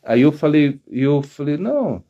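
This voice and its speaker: Man, spiritual talk, anecdotal, animated pitch, slightly high voice, husky. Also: unhurried, highs cut off. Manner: rambling storytelling, acts out quotes, laughs often. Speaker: monk giving a spiritual talk. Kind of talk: informal spoken discourse with anecdotes.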